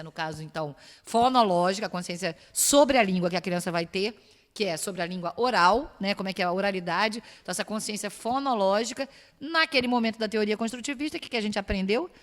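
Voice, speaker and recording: A woman's voice: mid-range voice, a little fast. A woman with a Brazilian Portuguese accent giving an academic lecture, explaining step by step and asking rhetorical questions. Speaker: university lecturer. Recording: long reverb of a lecture hall.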